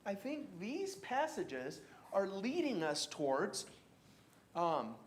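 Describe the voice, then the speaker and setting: A man teaching a church Bible class in a casual, halting way, with many fillers and restarts. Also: sits high, big pitch swings.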